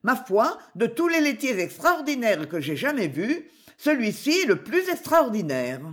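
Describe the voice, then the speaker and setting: A woman voicing an excitable young scullery maid who exclaims in high astonishment. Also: moderate pace. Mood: astonished.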